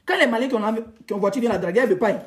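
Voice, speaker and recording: A woman's voice: on the high side, racing. A woman blogger with an Ivorian French accent, ranting in a heated, mocking vlog monologue. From Ivory Coast. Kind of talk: ranting social media vlog.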